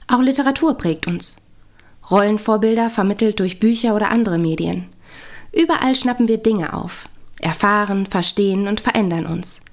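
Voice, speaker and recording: A female couples therapist hosts her podcast in a calm, reflective voice. She reads from a script with gentle humor at a steady pitch.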